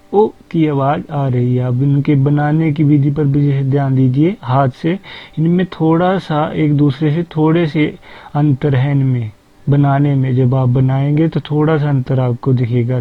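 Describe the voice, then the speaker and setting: A man teaching a language lesson, patiently repeating each sound slowly and explaining step by step. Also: medium pitch. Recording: tinny phone-like audio.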